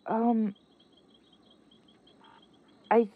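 A woman's voice: on the high side, flat delivery, very slow, no echo, exaggerated voice. An actress playing a panicked young woman leaving a voicemail after a car crash, stammering and breathless, heard over a landline phone. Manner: stammering, breathless, dropping to a whisper. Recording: dull phone-line voicemail.

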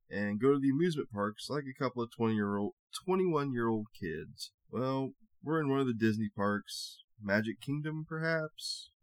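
A man's voice: medium pitch, no echo. A young man co-hosting a casual chat, reading a story aloud in an easygoing way with laughs. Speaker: podcast co-host.

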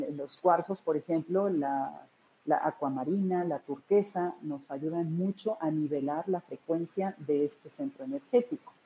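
A woman giving a spiritual wellness lesson, explaining things and speaking directly to her listeners. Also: deep voice. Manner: warm-hearted, explanatory, addresses listeners directly. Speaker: energy healing teacher. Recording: tinny phone-like line with faint hiss.

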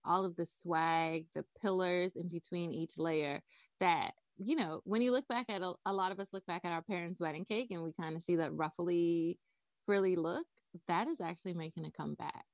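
Woman from the Bahamas, lower pitch, bubbly talkative podcast guest, dry recording. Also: moderate pace, no echo. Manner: upbeat, chatty, frequent laughs and "like". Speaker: wedding cake designer and business owner.

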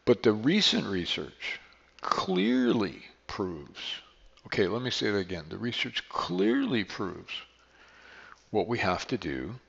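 Fields: Man, deep voice, canyon-like echo. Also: fairly bright tone, breathy edge. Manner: rambling, with frequent restarts and self-corrections. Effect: heavy echo like a canyon. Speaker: podcast host and beekeeper. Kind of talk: casual solo podcast talk. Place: unfamiliar studio room. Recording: long echoing reverb, dull lo-fi sound.

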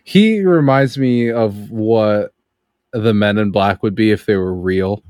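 A man co-hosting a podcast, chatting casually and excitedly about a film and swearing freely. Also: fairly low pitch, slow pace, no echo, clean studio sound. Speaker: podcast co-host.

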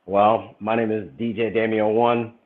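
A man's voice: on the low side, little pitch movement, a little slow, phone-quality sound. A man from the United States, a guest DJ chatting casually and easily. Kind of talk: casual chat.

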